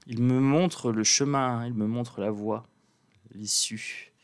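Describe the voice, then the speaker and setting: A man, a card reader, chatting casually to his viewers while presenting an oracle deck, calm and playful in a sleepy morning voice. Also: mid-range voice, slow pace.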